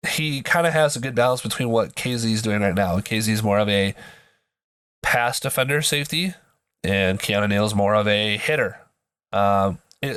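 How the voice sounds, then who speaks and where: A man's voice: medium pitch, a bit bright, no room sound, clean studio sound. A man hosting a sports podcast in casual commentary, his voice nasal from a blocked nose, as if pinching it, with joking asides.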